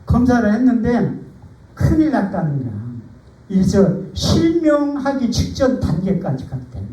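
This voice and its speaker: Middle-aged man, pastor, conversational testimony sermon; lively rising-and-falling delivery, warm low tone, echoey church hall, mic set back. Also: recorded from a distance. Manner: conversational storytelling, animated. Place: church sanctuary.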